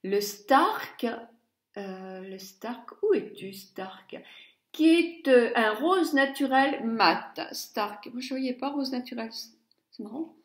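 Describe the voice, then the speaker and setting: A woman's voice: a little high, animated, slow pace, roomy sound. A middle-aged woman chatting through a makeup palette review, muttering asides and stumbling over English names. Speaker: beauty blogger.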